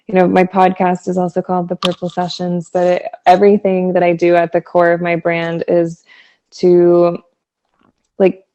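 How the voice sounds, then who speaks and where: Woman from texas, musician guest, flat low voice, dark tone, enthusiastic, video call. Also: muffled recording. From Texas, USA. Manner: enthusiastic, laughs often. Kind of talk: casual interview.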